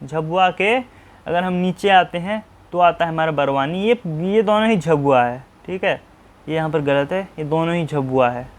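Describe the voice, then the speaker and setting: A man with a high voice teaches like a tutor. He spells every name out slowly, one letter at a time. He often asks a quick question and then answers it himself. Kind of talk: map-drawing tutorial.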